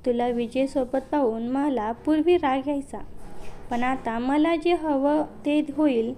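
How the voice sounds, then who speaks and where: A woman voicing a cold, firm younger brother in a read-aloud story, in her own slow reading voice. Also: high-pitched, dark tone, slight background noise. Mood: cold insistent.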